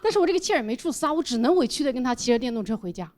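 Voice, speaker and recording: A woman comedian telling a stand-up story in an animated, exclamatory way on a stage mic. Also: high voice, very fast.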